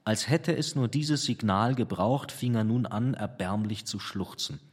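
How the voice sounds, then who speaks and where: A man with a husky voice reading a literary memoir aloud in a measured, reflective storytelling manner. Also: on the low side. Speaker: narrator. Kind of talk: audiobook narration. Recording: long hall reverb.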